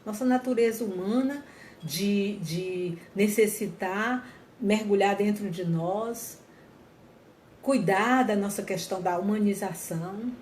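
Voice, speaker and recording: A woman's voice: medium pitch, slow, a little mellow. Earnest woman talking in an echoey room. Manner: earnest, repeats and rephrases, many restarts. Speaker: speaker on mental health. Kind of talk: reflective talk to viewers. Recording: echoey room, faint ambient noise.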